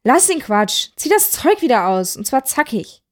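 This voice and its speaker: A woman's voice: fairly high pitch, sing-song, normal speed, pitched above the performer's own voice. A woman voicing a grumpy, impatient old Santa Claus who barks orders and scolds. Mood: bossy. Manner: gruff and bossy, barking orders.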